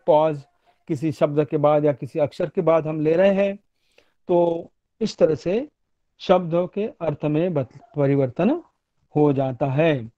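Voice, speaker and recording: Male lecturer teaching over a webinar, very unhurried and deliberate, muffled low-fi sound. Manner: slow, deliberate, pausing to demonstrate; often asks "okay?" to check with students. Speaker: university Hindi lecturer. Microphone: online webinar audio. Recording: dull lo-fi webinar audio.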